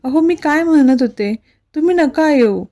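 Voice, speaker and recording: A pouting young bride, coaxing and sulky by turns, as a woman reading the story puts her on. The voice sits a little high and mellow, read aloud in a storybook reading. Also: animated, normal speed. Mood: pleading. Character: young woman, playful newlywed student.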